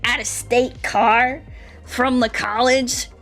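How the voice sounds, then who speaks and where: With music playing behind her, a young woman from the United States rambles through casual chat while gaming on a livestream, acting out what others said. She speaks slowly in a fairly high, fairly bright voice with fairly even intonation.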